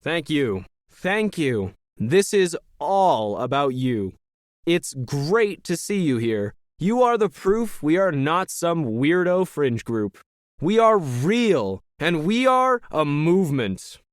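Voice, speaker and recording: A man's voice: on the high side, sing-song, no room sound, studio quality, voice pushed up. A man doing a rousing cult-like movement leader. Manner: rousing, drawn-out, rally-speech delivery. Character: charismatic male leader of a fringe energy movement, rallying a crowd. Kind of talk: audiobook character voice.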